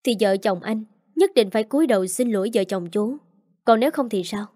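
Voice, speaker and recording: A woman as a calm confident young man. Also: medium pitch, brisk, no room sound, studio quality, close to an everyday voice. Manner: composed, quiet.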